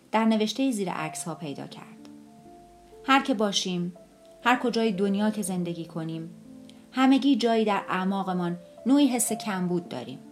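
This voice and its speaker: A woman narrating an audiobook in a steady, measured reading voice. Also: medium pitch.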